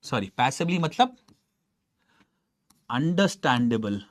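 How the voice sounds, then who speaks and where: A man's voice: mid-range voice, very animated. Man reading and explaining a story in lessons. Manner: reads English text slowly, then explains briskly in Hindi. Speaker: English teacher.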